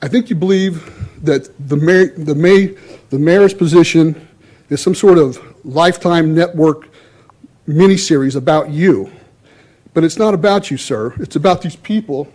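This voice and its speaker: Man, somewhat high voice, dark mellow timbre, formal public comment, stern, indignant, accusing, council meeting. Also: moderate pace. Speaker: citizen giving public comment.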